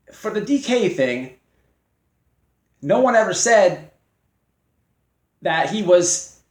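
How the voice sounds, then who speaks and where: In an echoey room, a man with a high voice uses his own channel to taunt and confront a rival. The delivery halts repeatedly, with frequent fillers and fresh starts.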